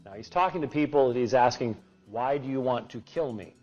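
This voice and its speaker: A man preaching an expository sermon in an emphatic, deliberate way, stressing key phrases. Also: mid-range voice, a little mellow. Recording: dull lo-fi audio with music underneath. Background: background music.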